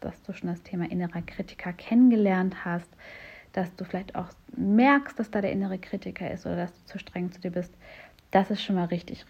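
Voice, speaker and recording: Breathy woman coaching with warm encouragement. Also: mid-range voice, lo-fi sound. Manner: warm, encouraging, speaks directly to the listener. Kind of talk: coaching talk to listeners.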